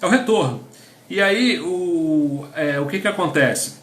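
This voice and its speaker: A man's voice: on the high side, animated, measured pace, fairly bright tone, echoey room, a little hiss or hum. A middle-aged Brazilian man, a pastor teaching couples in a conversational sermon, often tagging his sentences with a questioning aside. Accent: Brazilian Portuguese. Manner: conversational, tags lines with "né?", reads definitions aloud.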